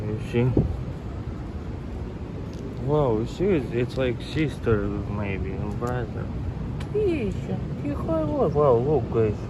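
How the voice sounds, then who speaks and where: A Russian man with a Russian accent and medium pitch live-streams as a travel vlogger, walking around city streets and shops at night. His English is halting and rambling, packed with repeated filler words, as he chats casually. Traffic and hum from the noisy street come through on the recording.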